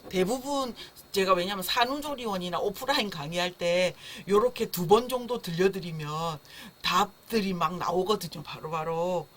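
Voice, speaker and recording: Streaming live from a room indoors, a woman explains parenting topics in a warm online lecture, now and then mimicking a baby's cry. Her voice is lowish and fairly bright, moving at a moderate pace with hardly any pauses.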